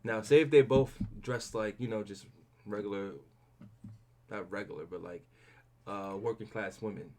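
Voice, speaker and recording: A man's voice: steady tone, normal speed, pauses often, a little mellow. A man co-hosting a casual podcast debate, talking bluntly, swearing freely and losing his thread. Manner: blunt, swearing, trailing off, much livelier pitch. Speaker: podcast co-host.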